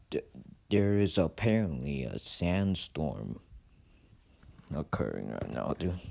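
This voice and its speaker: A man ad-libbing comic nature documentary commentary in a casual, deadpan, mocking manner. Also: low-pitched, gravelly. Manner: deadpan, casual, sweary mockery. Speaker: narrator of a parody nature documentary.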